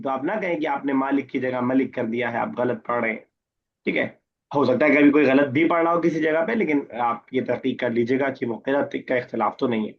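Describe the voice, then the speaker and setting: A male Arabic teacher with a mid-pitched, husky voice gives an online class lesson word by word. He recites the Arabic slowly, then explains it plainly in Urdu and quizzes his students. The audio is muffled, dull lo-fi online class sound.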